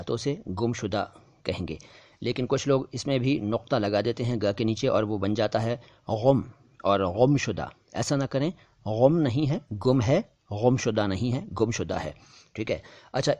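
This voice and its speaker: A man hosting a language lesson, patiently explaining how words are pronounced and slowly repeating them for emphasis. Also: fairly low pitch, a little mellow, no echo. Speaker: language teacher, channel host. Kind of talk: explaining word pronunciation to viewers.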